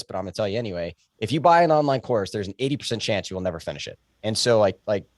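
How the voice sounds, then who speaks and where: A male physician talking as a podcast guest, quick and emphatic, with a joking streak. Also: on the low side, dry recording, clean studio sound. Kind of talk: casual podcast conversation.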